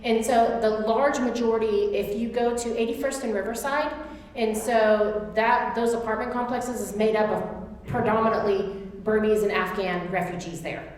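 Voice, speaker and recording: A slightly high, darkish voice with fairly even intonation belongs to a woman from Tulsa, Oklahoma, whose first language was Turkish and who now has an Oklahoma accent. At a moderate pace, she answers a church class's questions at length in a chatty, informal talk. There's slight background noise and long reverb from the echoey hall.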